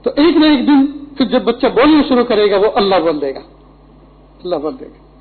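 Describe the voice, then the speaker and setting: His voice is husky, high-set and very animated as this middle-aged man gives an earnest, instructive Friday sermon with Arabic quotations. The sound is lo-fi and tinny, like a phone.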